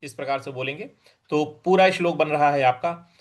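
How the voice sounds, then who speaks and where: A man teaching scripture recitation, chanting verses slowly and drawn out, then explaining pronunciation in quick asides. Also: fairly high pitch. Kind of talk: recitation lesson.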